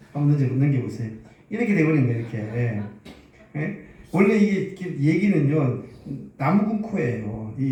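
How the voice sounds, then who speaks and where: Male pastor telling a story to the congregation, mellow tone, big church echo. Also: a little high, creaky. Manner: lively storytelling, asks the congregation questions. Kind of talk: sermon storytelling. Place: church sanctuary. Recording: echoey church hall, distant mic.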